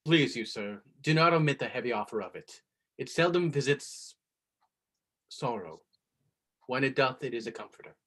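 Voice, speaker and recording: A man's voice: medium pitch, lively intonation, moderate pace, long pauses, a bit bright. A man playing a blunt, mocking nobleman in a Shakespearean drama, with a dry, cutting delivery. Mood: sly. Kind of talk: Shakespearean stage drama performance.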